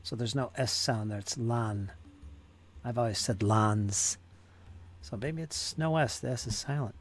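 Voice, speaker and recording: A man with a mid-range voice speaks at normal speed while hosting a stream where he paints miniatures. The conversation is casual and joking, and he often muses aloud about word pronunciation.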